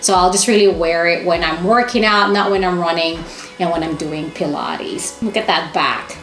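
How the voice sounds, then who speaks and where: A woman's voice: lowish voice, normal speed, fairly bright tone. Chatty woman vlogger in an echoey room. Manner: chatty, enthusiastic, exclaiming over items. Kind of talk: casual chatty shopping haul to camera. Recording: echoey room with music underneath.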